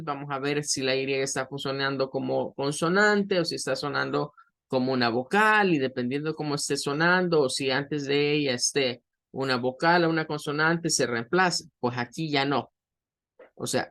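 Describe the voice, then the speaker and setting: A man teaching English grammar in a patient, explanatory lecture, repeating example words slowly. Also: fairly high pitch, a bit bright.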